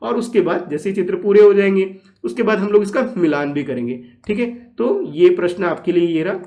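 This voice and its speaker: Man, teacher, slightly high voice, patient, repetitive, explaining to small children. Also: animated, a little fast, mellow. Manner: patient, repeats "ठीक है" often. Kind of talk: class 1 lesson explanation.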